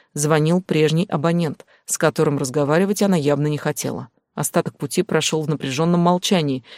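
A man reading an audiobook in an even, measured storytelling voice. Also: a little high, no room sound, studio quality. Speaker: narrator. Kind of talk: audiobook narration.

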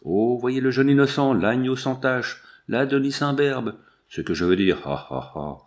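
A volatile bandit chief hisses through grinding teeth, as a man reading a storybook puts him on. He mocks his captive with forced laughter and bursts into shouts. The pitch stays in a middle range for a man. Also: moderate pace, lightly acted. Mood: mocking.

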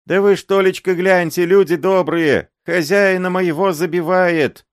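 A man voicing a beaten old man who wails and pleads for help in a shrill voice, reading a story aloud. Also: fairly even intonation, a little slow, dry recording, studio quality. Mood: desperate wailing.

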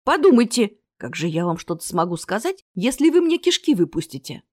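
A woman voicing a stout male gnome showman who stays calm and mocking, in an audiobook reading. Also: medium pitch, brisk, dry recording, clean studio sound. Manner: unruffled, mocking.

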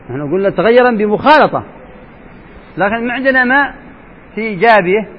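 A man sheikh teaching a jurisprudence lesson, asking his students questions and repeating key points. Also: high-pitched. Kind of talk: classroom lesson explaining a text. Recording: dull lo-fi recording with faint hiss.

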